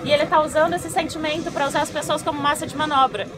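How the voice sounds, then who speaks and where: Worried high-voiced woman at a march. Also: fairly even intonation, quick pace. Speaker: protester. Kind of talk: street interview. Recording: crowd and street noise.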